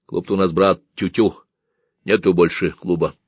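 A man voicing a bearded, plain-spoken craft teacher in a storybook reading, calm and homely. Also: sits low, normal speed, husky, no room sound, studio quality. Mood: rueful.

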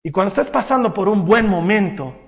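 A man in his thirties preaching a sermon as pastor, swinging between loud emphatic lines and quiet low ones. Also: lively intonation, fairly quick, creaky. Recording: tinny lo-fi sound with long hall reverb.

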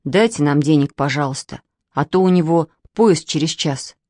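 A woman's voice: low voice, normal speed, a little mellow, dry recording, voice pushed down. A woman reader voicing a sullen young boy who mumbles reluctantly in a children's storybook.

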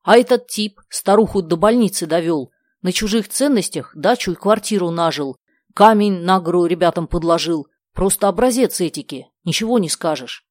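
A sharp-tongued, sarcastic schoolgirl, put on by a woman narrator in an audiobook. She snaps back high and loud, and the recording is dry. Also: animated, normal speed, no echo. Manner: sarcastic, indignant.

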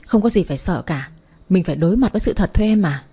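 A woman reads the part of a soft-spoken young boyfriend in a spoken story, teasing yet protective. The voice is dark and mellow with a husky, breathy edge. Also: on the low side, lively intonation, fast. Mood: soothing. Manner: soft, reassuring, lightly teasing. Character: gentle teasing young man, the narrator's boyfriend.

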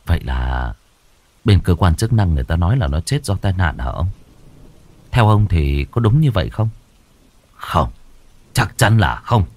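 Deep-voiced man telling a ghost story. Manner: slow, suspenseful and expressive. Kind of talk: dramatic ghost story narration.

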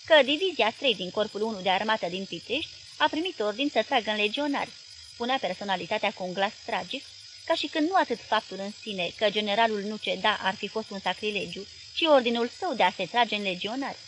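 Woman narrating a novel, expressive. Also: medium pitch, slight background noise, low-quality recording. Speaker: audiobook narrator. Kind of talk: literary audiobook narration.

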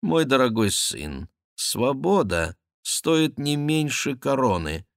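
A man voicing a cold, calculating old queen mother who speaks low, quiet and unhurried. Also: big pitch swings, vocal fry, no echo, studio quality, heavily acted. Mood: cool.

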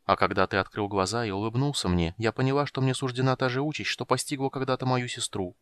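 A man reading the part of a gentle, sorrowful young woman, speaking softly and tenderly. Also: mid-range voice, quick pace, clear, resonant tone, no echo, close to an everyday voice. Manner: soft, quiet and tender.

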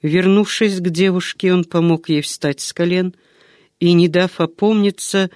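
A male narrator reads a gothic novel with expressive, theatrical phrasing. His voice sits on the higher side for a man, and the recording is dry and close with no echo. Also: a little slow. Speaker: audiobook narrator. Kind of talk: dramatic audiobook narration.

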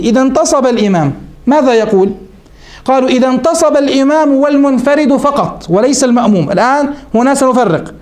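Male religious teacher, high voice, fast talk, lecture style with questions to the class. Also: darkish tone. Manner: explains step by step, asks the class questions and answers them himself. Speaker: sheikh teaching Hanbali jurisprudence. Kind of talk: classroom lesson on a legal text.

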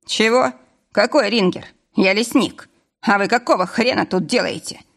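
A woman voicing a gruff, bearded, middle-aged male forester who scolds bluntly, in an audiobook. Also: medium pitch, moderate pace. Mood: grumbling. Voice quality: rough.

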